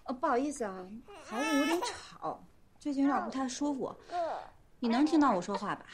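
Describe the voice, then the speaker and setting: A woman's voice: sits high, lively intonation, fairly quick, a crowd in the background. An actress playing an emotional female doctor in a TV drama, pleading and angry over a custody case. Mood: worried. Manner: emotional, pleading then shouting. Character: distraught female doctor fighting for a baby. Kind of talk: TV drama acting.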